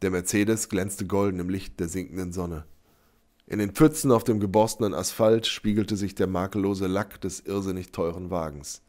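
A man narrating a story in a calm, even reading voice. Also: sits low, normal speed. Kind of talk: scripted narration.

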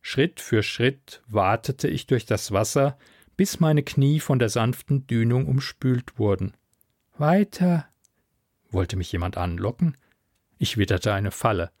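A man narrating a story in the first person, in a measured, deliberate way. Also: mid-range voice, darkish tone, no room sound, studio quality. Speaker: audiobook narrator.

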